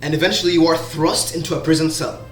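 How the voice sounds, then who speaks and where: A man narrating as game master in the second person, slow and halting with restarts. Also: fairly high pitch, steady tone. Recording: roomy sound, faint background music.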